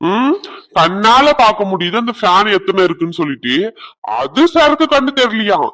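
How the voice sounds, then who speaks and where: A man's voice: high-pitched, animated, moderate pace, bright, forceful tone. A man voicing bickering young men in a cartoon, one of them a drunk friend, another a groom.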